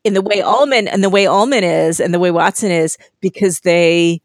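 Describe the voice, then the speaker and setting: A woman's voice: on the low side, normal speed, no room sound, studio quality. Enthusiastic woman chatting about film. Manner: enthusiastic, laughs often. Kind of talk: casual film discussion.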